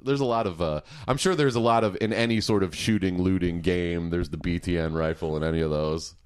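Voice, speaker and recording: A man's voice: brisk, clean tone. An American man hosting a casual chat in a rambling way, sounding hungover and a little stuffed up in the nose. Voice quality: low, slightly stuffy-nosed voice. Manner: rambling, repeats words. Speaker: podcast host.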